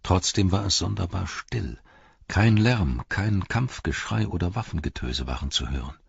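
Deep, very husky male narrator. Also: animated, dry recording. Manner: measured, grave storytelling. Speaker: audiobook narrator. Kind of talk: scripted narration. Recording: dull, dry recording.

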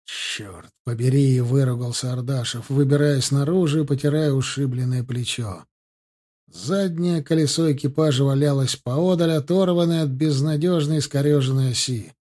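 A man narrating an audiobook in a measured, literary way. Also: mid-range voice, warm tone. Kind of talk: scripted narration.

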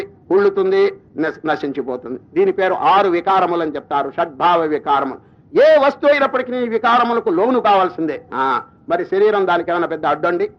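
Teacher, man, spiritual discourse; chants verses slowly, questions the audience; muffled recording. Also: high-pitched. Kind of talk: religious discourse. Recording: dull lo-fi recording.

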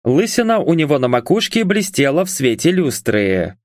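A man narrating an audiobook in a measured, even storytelling manner. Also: fairly high pitch, dry recording, clean studio sound. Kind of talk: scripted narration.

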